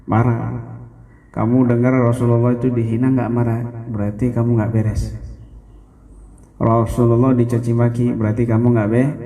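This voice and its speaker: A man preaches in a mid-pitched voice. He tells stories and acts out the speakers' lines in a raised, animated tone, then turns to his listeners with pointed questions. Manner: storytelling, acting out quotes, asking the audience questions. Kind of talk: sermon.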